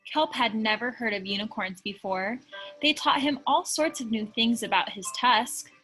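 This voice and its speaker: A woman reading a children's picture book aloud in an expressive storytelling style. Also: fairly high pitch, moderate pace, poor audio. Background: music behind the voice.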